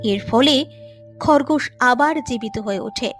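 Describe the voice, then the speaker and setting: Telling an animated moral tale, a woman with a high voice narrates at a slightly slow pace. It's scripted storytelling, and faint music plays in the background.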